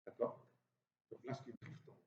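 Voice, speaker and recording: A man's voice: moderate pace, darkish tone. Man lecturing in an echoey hall. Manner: explanatory, with hesitations. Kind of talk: university lecture. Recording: roomy, distant, dull lecture-hall recording.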